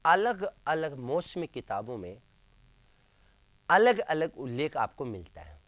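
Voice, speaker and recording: A man's voice: a little high, big pitch swings, slow pace, fairly bright tone, no room sound. A male teacher giving a classroom lecture, asking questions and answering them himself, repeating key terms with emphasis. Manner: addresses listeners as friends, emphatic.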